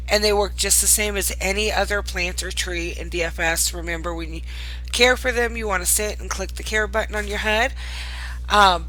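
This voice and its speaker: Bright-voiced woman giving a casual showcase. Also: mid-range voice, poor audio. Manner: gushing, fond of cute things. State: tired late at night. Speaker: host presenting new items in a virtual game world.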